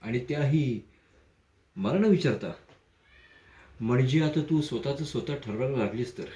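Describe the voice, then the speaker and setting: A man playing a controlling, menacing man in a dramatic monologue, speaking softly and mockingly with sudden sharp rises. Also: medium pitch, expressive, measured pace, lightly acted. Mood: mock-gentle. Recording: echoey room, dull lo-fi sound.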